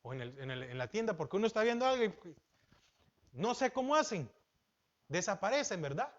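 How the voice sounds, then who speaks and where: Salvadoran male pastor, high voice, sermon on a dull lo-fi recording, questions to the pews. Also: sing-song, a little fast. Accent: Salvadoran Spanish. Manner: preaching with questions to the congregation, rising emphatic then dropping low.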